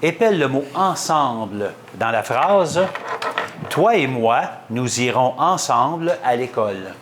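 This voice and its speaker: A man with a Québécois accent hosting a school quiz game, reading questions and ruling on answers at a quick clip. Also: medium pitch, lively intonation, background noise. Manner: brisk, quick-paced quizmaster, reads questions and rules on answers. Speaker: quiz show host.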